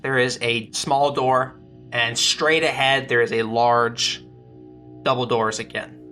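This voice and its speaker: A game master narrating a comedic tabletop game, describing scenes in plain detail and pausing now and then to search for words. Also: mid-range voice, pushed and bright.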